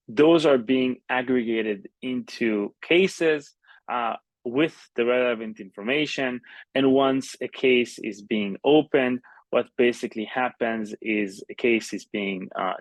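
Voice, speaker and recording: A man delivers a software sales pitch in a product demo style. His voice sits at a middle pitch in a dry, close sound. He explains step by step, pausing often as he goes. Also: dry recording, rough recording.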